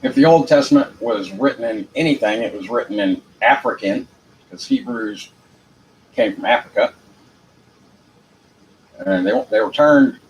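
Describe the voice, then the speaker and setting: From Jacksonville, United States, this amateur legal commentator has a lowish voice and a Southern US accent. He gives an informal, meandering monologue in a folksy, unpolished way, repeating phrases for emphasis. The recording is low quality, with noticeable background noise.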